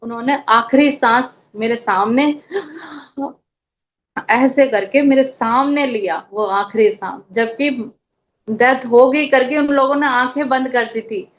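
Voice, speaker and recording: A woman with a somewhat high voice shares a heartfelt personal spiritual story, repeating devotional chants as she tells it. Her voice comes through a dull, lo-fi recording. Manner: emotional, repeats chants aloud. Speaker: devotee sharing a spiritual experience. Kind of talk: personal testimony.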